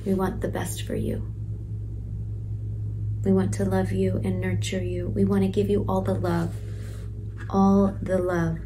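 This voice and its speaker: A woman playing a pregnant sixteen-year-old girl in detention, speaking softly and slowly in a stage monologue, some lines whispered. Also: mid-range voice, completely flat delivery, slight background noise, close to an everyday voice, poor audio. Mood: tender. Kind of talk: stage monologue, letter to her unborn baby.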